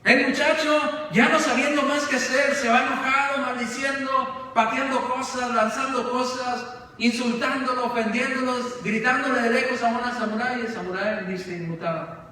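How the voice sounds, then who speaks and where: Man preaching, animated storytelling, high bright voice, echoing sanctuary, distant mic. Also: moderate pace. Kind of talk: sermon storytelling. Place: church sanctuary. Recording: echoey church hall, distant mic, faint noise.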